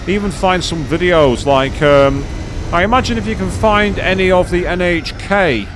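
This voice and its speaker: A man with a slightly higher-pitched voice chats loosely through a live gaming stream. He rambles, restarts sentences and leans on filler words, with a faint hiss of noise behind him. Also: moderate pace. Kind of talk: casual live-stream chat while gaming.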